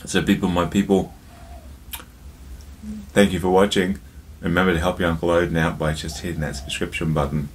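Deep-voiced chatty man reviewing drinks. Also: level tone, fairly quick, pauses often, slight background noise. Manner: chatty, jokey, addresses viewers as "my people". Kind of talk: casual drinks review vlog.

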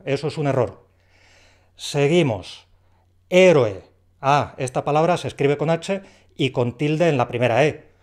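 Guy teaching spelling, clear and patient, asks questions then answers them, normal mid voice. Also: medium pitch, darkish tone. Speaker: language teacher. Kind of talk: explaining a dictation lesson.

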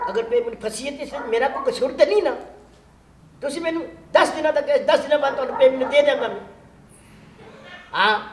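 An actor playing a short-tempered landlord chasing rent, speaking with a Pothwari Punjabi accent in a blustering, jokey way. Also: male voice, very high-pitched. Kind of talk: improvised comedy sketch acting. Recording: echoey room, light noise.

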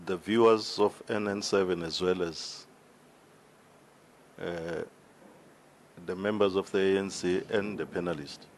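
A man with a South African accent answering formally at a town hall debate, speaking into a handheld mic in a large hall, with measured hesitations. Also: low-pitched, fairly even intonation, a little hiss or hum. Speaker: regional party official on a panel. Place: large indoor hall with seated audience. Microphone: handheld microphone.

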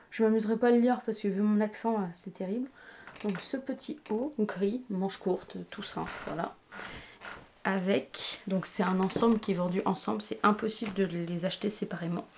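A woman's voice: medium pitch, darkish tone, a little hiss or hum. A woman vlogger chatting casually to camera in a rambling way, full of fillers, while showing a clothing haul at home. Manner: chatty, rambling, with frequent "genre" and "euh" fillers. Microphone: camera-mounted shotgun mic.

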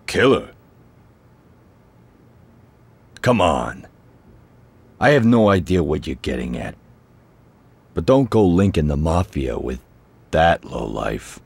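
A gruff jailed mafia boss. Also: male voice, very deep voice, measured pace, long pauses, no room sound, full character voice. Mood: evasive. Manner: explosive then grudgingly calm. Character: gruff imprisoned male mafia boss, hot-tempered. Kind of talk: video game voice acting.

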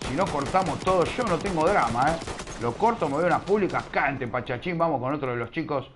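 A man's voice: fairly high pitch, animated, brisk, background noise. Argentine man casting a live game. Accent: Rioplatense Spanish. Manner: chatty, teasing, scolds chat playfully. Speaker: streamer casting a tournament.

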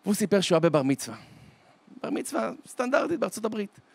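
A rabbi giving an inspirational holiday talk as a dramatic storyteller, slowing down to stretch his words for emphasis. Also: very animated, vocal fry, no echo. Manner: dramatic storyteller with wide swings in pitch and loudness; slows to a drawn-out, deliberate delivery for emphasis. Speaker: rabbi and lecturer.

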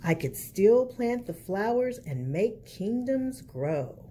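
A woman narrates a picture book aloud for children, slow and expressive like a storyteller. Her mellow, rounded voice roams freely in pitch, with a bit of background noise behind it.

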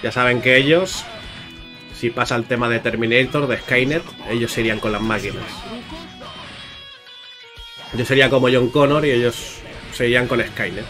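A gaming YouTuber, male, narrates his gameplay in a relaxed, talkative style, speaking straight to his audience and tossing in playful exclamations. His pitch is average and his tone brisk and fairly bright. Music can be heard clearly beneath his voice.

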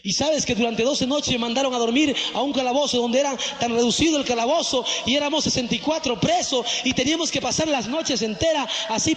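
A man's voice: very high-pitched, a bit bright. A man giving an impassioned evangelist's testimony, calling the listener brother. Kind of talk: emotional testimony. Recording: echoey hall.

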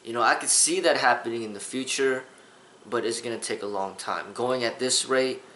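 A man's voice: medium pitch, moderate pace, sharp tone, roomy sound, slight background noise, poor audio. A man in his thirties, a kung fu instructor, talking earnestly to the camera in a casual vlog, rambling with restarts. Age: 30s. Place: small indoor room with a sofa.

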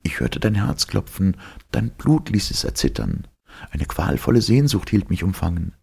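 A man voicing a gentle, fearful young woman born of starlight, speaking softly and tenderly in a husky, gravelly voice raised well above his own. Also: low-pitched, big pitch swings, normal speed, voice pushed up, heavily acted. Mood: dreamy. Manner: soft, tender, wondering. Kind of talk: audiobook reading.

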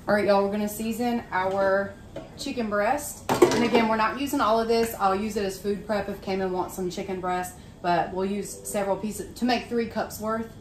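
A woman with a mid-range voice talks at a normal speed with fairly even intonation, chatting in a folksy, informal way as a home cooking vlogger narrating a cook-along. She's indoors in her home kitchen, and the recording clearly picks up frying sizzle and kitchen noise.

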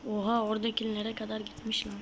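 Woman, gaming channel host, live gameplay commentary, excitable outbursts, whispered asides, clear background noise. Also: medium pitch, fast. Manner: excitable, shouts at opponents then drops to a whisper.

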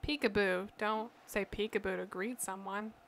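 Bright-voiced sarcastic woman streamer. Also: mid-range voice, fairly even intonation, normal speed, vocal fry. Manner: incredulous, sarcastic, reads website text aloud with dry asides. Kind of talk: casual gameplay commentary.

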